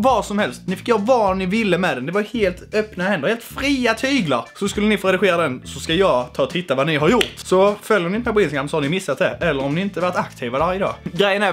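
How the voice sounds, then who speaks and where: A man's voice: sits high, a bit bright. A young man chatting casually on his vlog, joking and swearing, dropping in English phrases. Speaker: YouTuber.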